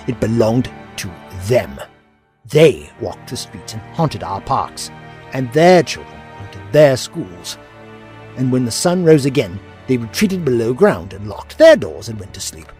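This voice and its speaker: An actor playing a storyteller who recounts a dark tale in a measured, theatrical way, as in an audio drama. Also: male voice, mid-range voice. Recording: music behind the voice.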